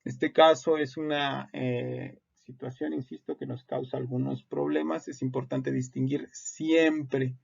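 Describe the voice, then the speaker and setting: Male instructor, methodical lesson delivery, raspy fry in the voice, muffled lo-fi recording. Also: mid-range voice, flat delivery, measured pace, hardly any pauses. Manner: methodical, reads example sentences aloud. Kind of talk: explanatory lesson on grammar. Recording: dull lo-fi recording.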